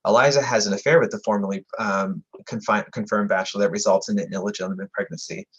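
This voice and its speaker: Low-voiced man lecturing, slightly muffled audio. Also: steady tone, quick pace, fairly bright tone, slightly rough. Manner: reads prepared text with frequent stumbles and self-corrections; talking over passing sirens. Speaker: lecturer presenting a book on historic buildings. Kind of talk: slide-illustrated history lecture. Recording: slightly dull, muffled audio with passing sirens.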